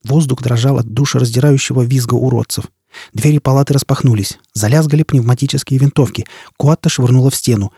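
Man reading a novel aloud, husky dark voice, dramatic. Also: mid-range voice, fast talker, no echo, clean studio sound. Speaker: narrator. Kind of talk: audiobook narration.

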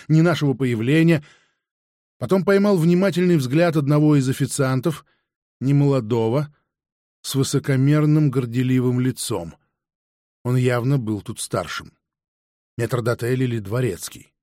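A man narrating a first-person audiobook in a steady storytelling manner. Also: mid-range voice, dry recording, clean studio sound.

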